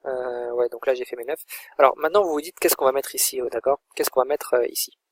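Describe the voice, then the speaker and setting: Casual, husky-voiced man walking through software. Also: mid-range voice, steady tone, fast, no room sound. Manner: informal, thinks aloud while clicking. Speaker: online course instructor. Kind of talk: screen-recorded software tutorial.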